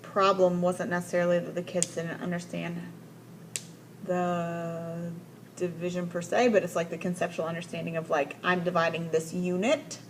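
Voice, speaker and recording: Woman, lowish voice, instructional coach, directive, affirming, casual coaching talk. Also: little pitch movement, normal speed, slight background noise, low-quality recording. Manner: directive, affirming with frequent "mm-hmm" and "like". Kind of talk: one-on-one teacher coaching conversation.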